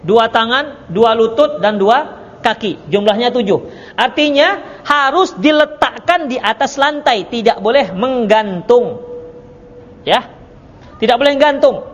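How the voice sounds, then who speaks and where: A man's voice: extremely high pitch, animated, unhurried. A man teaching a religious study circle, answering written questions, teasing his audience and acting out little dialogues. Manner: acts out quoted dialogue. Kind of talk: religious lecture with Q&A. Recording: dull lo-fi audio with long reverb and faint noise.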